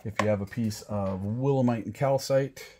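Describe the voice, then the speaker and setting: At a table in a small indoor room, a man with an American accent, a product demonstrator and rock hunter, gives a casual, plain-spoken demonstration, instructing step by step. His voice is fairly low and mellow at a normal speed, and background noise is clearly audible.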